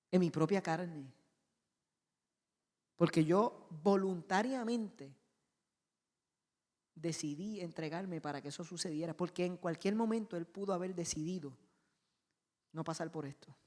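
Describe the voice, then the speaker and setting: A preacher dropping into Jesus, a calm and gentle grown man who speaks low and slow with quiet assurance. The voice rings with the long reverb of a church hall. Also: close to an everyday voice.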